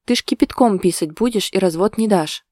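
A woman's voice: mid-range voice, a little fast, a little mellow, no room sound, clean studio sound, close to an everyday voice. A woman voicing a wry, playful young wife and mother in a read-aloud romance story.

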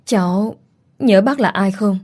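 A woman's voice: medium pitch, unhurried, a little mellow, husky. A woman putting on a frightened older mother pleading. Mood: gentle. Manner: pleading, anxious.

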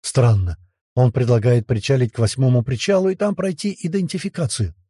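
A man's voice: mid-range voice, fairly quick, warm tone, slightly rough, no room sound, natural voice. A man voicing a grumbling, terse spaceship pilot. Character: gruff, taciturn male hired spaceship pilot.

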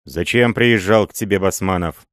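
A man's voice: deep voice, moderate pace, no room sound, studio quality, lightly acted. A man voicing a stern, jealous, hot-tempered prince who barks commands in an audiobook. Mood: angry. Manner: commanding, harsh.

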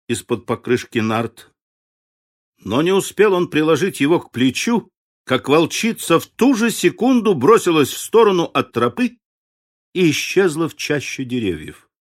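A man reads a classic novel aloud as an audiobook narrator. His middle-pitched voice stays measured and expressive, with a steady, deliberate delivery. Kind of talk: scripted literary narration.

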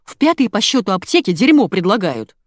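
A woman voicing a rude, pushy middle-aged woman customer who drawls out loud, bossy demands. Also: sits low, very animated, moderate pace, dry recording, studio quality. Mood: demanding.

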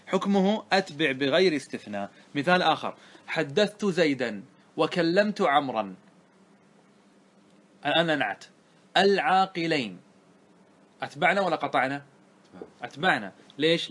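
A man teaches grammar in a classroom lesson, and his voice sits a little high for a man. He draws out each line of verse as he recites it. Then he breaks off to quiz his listeners with short checks. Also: a bit bright. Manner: asks students rhetorical checks, recites verse slowly. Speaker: sheikh teaching Arabic grammar.

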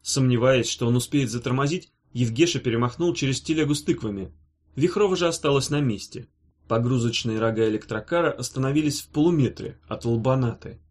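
A man reading a novel aloud in an even, measured narration. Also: medium pitch. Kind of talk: scripted narration.

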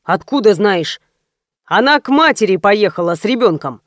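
A woman voicing a rude young male security guard who swears and shouts, in an audiobook. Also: mid-range voice, expressive, normal speed, no room sound, clean studio sound, close to an everyday voice. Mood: bewildered. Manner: coarse, shouting insults.

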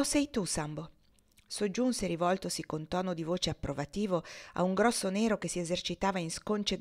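A woman narrating a classic novel as an audiobook reader, with a measured, expressive delivery. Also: lowish voice, gravelly.

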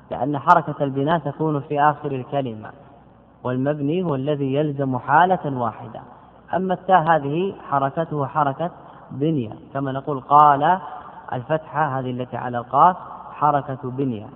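A man teaching a classical grammar lesson in a slightly high voice, repeating key terms as he asks and answers his own questions. The recording is thin and lo-fi, with a long reverb trailing each phrase as if from a big hall.

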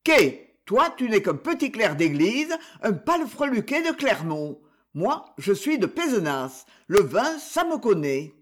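A man's voice: high voice, big pitch swings, unhurried, full character voice. A man voicing a drunken, bullying old father who growls and scolds in a storybook reading. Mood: angry.

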